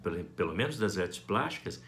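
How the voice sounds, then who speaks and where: A Brazilian man giving a school art lesson, talking to his students in a playful, affectionate and expressive way. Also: deep voice, brisk, vocal fry, slight background noise. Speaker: art teacher.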